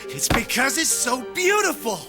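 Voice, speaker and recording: Idealistic cartoon math teacher: theatrical, fervent, wildly varied pitch, music behind. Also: male voice, very animated, moderate pace. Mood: fervent, exalted. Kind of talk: animated drama dub.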